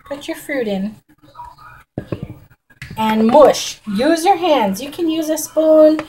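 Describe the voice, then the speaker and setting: A middle-aged woman who vlogs about home cooking chats folksily with viewers as she demonstrates a recipe in her own kitchen. Her voice is high, expressive and warm, and she speaks slowly. A camera sitting close by on the counter captures it, and the rough recording carries a little hiss or hum.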